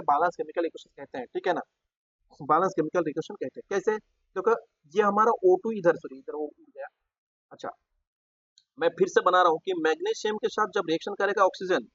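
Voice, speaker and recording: A man's voice: sits high, a bit bright, dry recording. A man teaching school science in speech, explaining step by step and often checking in with his students. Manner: explains step by step, repeats terms, frequent tag questions. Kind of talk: classroom lecture at a board. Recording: dull, dry lo-fi recording.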